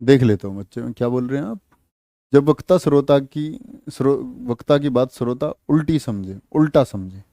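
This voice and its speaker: A male teacher giving an online exam-prep class, lively, asking students questions and acting out quoted lines in a raised voice. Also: mid-range voice, normal speed, no echo, studio quality. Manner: asks students questions and repeats key words.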